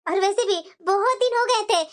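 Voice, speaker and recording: A woman voicing a high-pitched nagging cartoon mother-in-law. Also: normal speed. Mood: praising. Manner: nagging, scolding, bossy. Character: scheming meddling mother-in-law, middle-aged woman. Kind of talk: cartoon voice acting.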